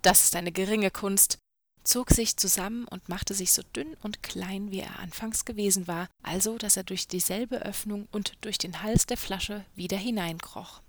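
A woman reading a fairy tale aloud in a measured storytelling manner. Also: mid-range voice, no echo.

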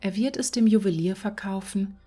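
A woman voicing a selfless, sorrowful prince statue in a whispered role-play, gentle in manner. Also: mid-range voice, normal speed, soft background music, close to an everyday voice.

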